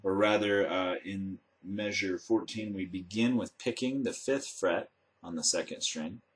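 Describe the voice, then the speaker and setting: A man whose voice sits low leads a methodical guitar demonstration, laying out each step with measured explanation. The setting is an indoor room with instruments, and acoustic guitar plucking and notes ring around him.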